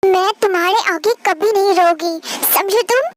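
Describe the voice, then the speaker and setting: A woman's voice: extremely high pitch, moderate pace, background noise. A woman voicing a pleading young wife. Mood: defiant, pleading. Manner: pleading, defiant. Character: young woman, defiant frightened royal wife. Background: background music.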